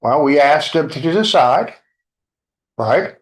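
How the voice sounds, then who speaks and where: Male lawyer with informal, halting phrasing. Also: a little high, lively intonation, rough recording. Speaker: lawyer questioning witnesses. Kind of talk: courtroom questioning. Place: indoor courtroom.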